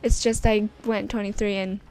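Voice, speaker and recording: A young woman with a sore throat giving casual gameplay commentary, chatty and rambling, her voice rough and strained. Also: medium pitch, level tone, moderate pace, darkish tone, a little hiss or hum. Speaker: gaming commentator.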